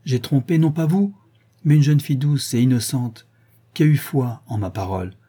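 A man's voice: mid-range voice, normal speed, dark tone, slightly rough, pitched above the performer's own voice, close to an everyday voice. A man reading the part of a proud English major, pleading in an impassioned, declamatory way. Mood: anguished.

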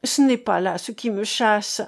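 A woman's voice: medium pitch, a little slow, creaky. A woman reading the part of an old male harper who is guilt-haunted, fearful and pleading, within a storybook narration. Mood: anguished pleading. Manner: anguished, pleading.

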